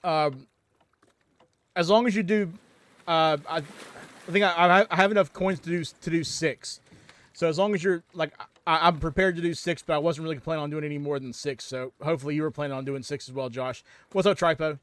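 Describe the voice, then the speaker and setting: A man's voice: on the high side, steady tone, brisk, a bit bright. A man streaming a game from home, chatting casually into a headset mic and rambling with lots of ums and restarts. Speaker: livestream gamer.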